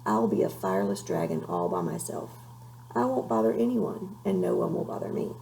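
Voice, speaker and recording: Woman as an earnest little boy dragon, lively pitch. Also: moderate pace, gravelly, a little hiss or hum, exaggerated voice, rough recording. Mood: discouraged. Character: earnest little boy dragon, almost seven, easily discouraged.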